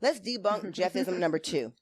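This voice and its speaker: Blunt, animated woman in casual chat. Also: fairly low pitch, moderate pace. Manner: blunt, emphatic, sassy. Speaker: co-host. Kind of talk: casual opinionated recap chat.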